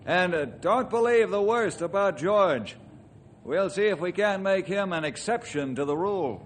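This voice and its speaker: Ranger Bill, kindly American ranger, noisy recording. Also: male voice, sits high, expressive, moderate pace. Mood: friendly. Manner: earnest, folksy, reassuring. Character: kindly, earnest ranger in a western, fatherly helper. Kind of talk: old-time radio drama acting. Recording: noisy old radio drama recording.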